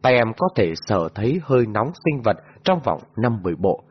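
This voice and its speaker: A man's voice: fairly low pitch, very animated, brisk, slightly rough. A man reading a martial-arts story aloud in a dramatic storytelling style. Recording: dull lo-fi audio.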